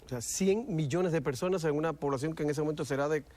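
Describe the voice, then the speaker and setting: A Cuban-accented man hosts an interview show, speaking quickly in a fairly high voice. He asks questions and trades stories in easy conversation. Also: a little mellow. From Cuba. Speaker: host.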